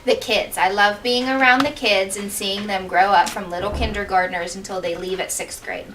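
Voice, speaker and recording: A woman's voice: mid-range voice, steady tone, moderate pace. A woman giving encouraging, simply worded interview answers to children, often echoing the question before she replies. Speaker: school staff member being interviewed. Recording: distant mic with faint background noise.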